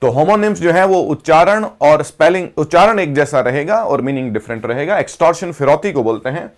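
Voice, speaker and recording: In an expressive voice on the high side, a man works through English vocabulary, giving Hindi explanations for every word. He slowly reads out the English definitions and has the class repeat them.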